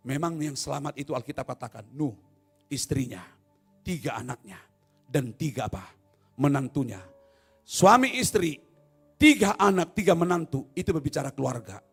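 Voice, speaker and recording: A male pastor preaching a sermon in a church service, swinging from soft, low asides to loud shouted appeals, with teasing jokes along the way. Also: animated, brisk, vocal fry, husky, soft background music. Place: church hall. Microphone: no mic at times.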